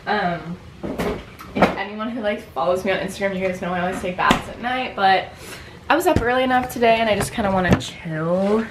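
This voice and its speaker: A woman's voice: medium pitch, fairly quick, noisy background. A young woman vlogging in a casual, chatty way, with lots of filler words. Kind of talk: casual vlog narration.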